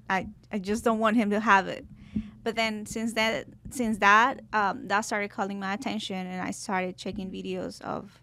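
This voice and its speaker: A Colombian-born woman in her twenties, a guest barber in a podcast interview, telling her story in a thoughtful, lightly halting way. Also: mid-range voice, pushed and bright. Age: 20s. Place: podcast studio.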